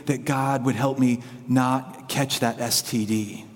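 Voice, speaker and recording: Pastor putting on a chill valley-voice bro, drawly and lower than his own voice, big echoey hall. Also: fairly even intonation, takes it slowly, natural voice. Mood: scared. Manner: drawling, filler-heavy. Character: laid-back young guy, surfer-dude talk.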